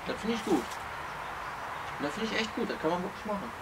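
Fast-talking young man, slightly high voice. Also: lively intonation. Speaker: vlog host. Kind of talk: casual chat, food challenge commentary. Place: outdoor garden table under a wooden gazebo. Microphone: camera mic across the table. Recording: distant mic, noisy outdoor ambience.

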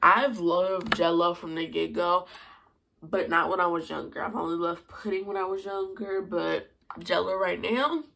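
A young woman with a hoarse voice, chatting casually and rambling in a food review vlog. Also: on the low side, steady tone, moderate pace, pushed and bright, slight background noise. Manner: chatty, rambling with many fillers. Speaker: vlogger.

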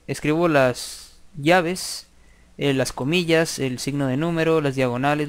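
A man talks through a coding tutorial, pausing to dictate code as he types. His voice sits a little high and comes across smooth and clear. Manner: thinks aloud while typing, slow dictation of code. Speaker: programming tutor. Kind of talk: screen-recorded coding tutorial.

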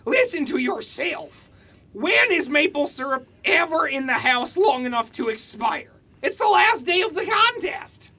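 An actor playing a bratty, loud, syrup-obsessed young man in a comedy radio play, whiny and boastful. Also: extremely high pitch, big pitch swings, unhurried, exaggerated voice. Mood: frantic.

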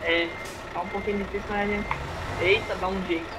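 Brazilian dude from natal, high voice, joking around while trucking, game roar loud underneath. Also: male voice, little pitch movement, brisk. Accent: Brazilian Portuguese, from Natal. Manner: easygoing, jokey. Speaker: guest gamer. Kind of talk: casual gameplay chat. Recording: loud game noise behind voice.

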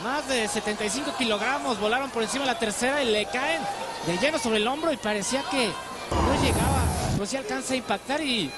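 A man's voice: very high voice, fast talker, loud music behind the voice. A man with a Mexican accent giving explanatory live analysis as a wrestling commentator. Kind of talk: live sports commentary describing replays and strategy. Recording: noisy arena with loud crowd. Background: loud crowd and arena noise.

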